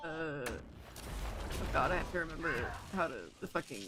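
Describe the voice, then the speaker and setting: A young woman streaming a game, chatting casually, giggling, swearing a lot and getting excitable. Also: deep voice, normal speed, very noisy. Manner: giggly, excitable and profane, with frequent filler words. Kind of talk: casual gameplay commentary.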